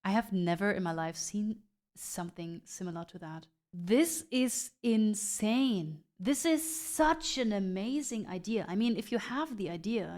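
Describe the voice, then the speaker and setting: A woman hosting a casual reaction video, excitable and gushing, stammering as she searches for words. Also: medium pitch.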